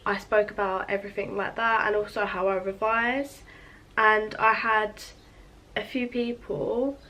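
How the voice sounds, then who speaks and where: Doing her makeup on camera, this English teen beauty vlogger rambles chattily and leans heavily on "like," sounding as if she just woke up. She speaks a little slowly at a medium pitch, her tone level yet sharp, and the recording is rough.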